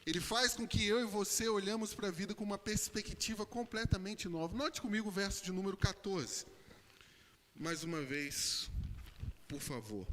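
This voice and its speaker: A man with a Brazilian Portuguese accent preaching a sermon in church, swelling loud on emphatic phrases and dropping low and soft on others. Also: normal speed, a little hiss or hum. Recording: long reverb of a church hall.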